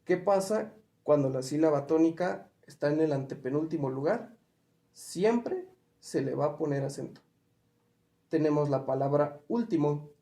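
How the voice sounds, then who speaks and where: A man's voice: fairly high pitch, creaky, dark tone. A man teaching spelling rules step by step, asking questions and working through examples. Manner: asks questions and gives examples. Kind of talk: patient step-by-step explanation. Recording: roomy echo.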